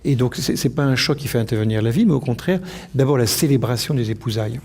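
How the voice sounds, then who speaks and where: Mellow-voiced man lecturing on a panel. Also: medium pitch, quick pace, husky. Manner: reflective, thinking aloud with many restarts. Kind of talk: academic panel discussion.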